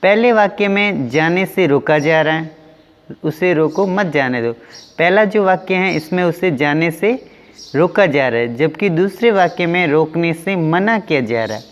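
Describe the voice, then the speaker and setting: A man teaching an online class to young pupils, going slowly and repeating each question with its answer. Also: on the high side, animated, long reverb tail. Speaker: school teacher.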